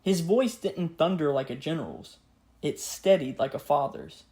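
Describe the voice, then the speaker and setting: Guy with a slightly high voice doing solemn scripted history narration, real measured and earnest. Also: sing-song, a little mellow. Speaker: podcast host and narrator.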